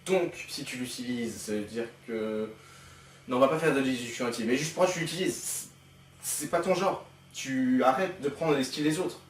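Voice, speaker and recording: A young man giving sarcastic reaction commentary with a teasing, quick-witted manner. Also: mid-range voice, a little hiss or hum. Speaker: reaction youtuber. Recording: echoey room, distant from the mic.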